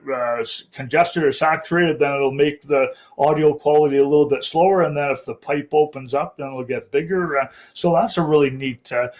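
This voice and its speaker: A man talking casually on a panel as a consultant, rambling with many "uh" fillers. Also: medium pitch. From Canada.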